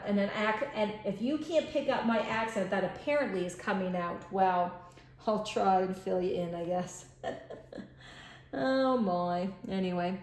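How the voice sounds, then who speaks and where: Tired woman just chatting while she puzzles at home, lots of ums, kinda echoey room. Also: medium pitch. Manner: rambling, chatty, self-interrupting with fillers; drops to mutters and whispers while working the puzzle. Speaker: puzzle channel host. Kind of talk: unscripted chat while doing a puzzle.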